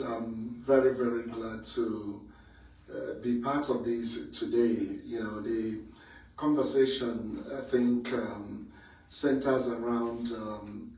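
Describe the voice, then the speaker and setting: A man raised in Nigeria, a priest and academic, giving a slow, measured panel talk with frequent pauses. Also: medium pitch, darkish tone. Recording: echoey room, distant mic.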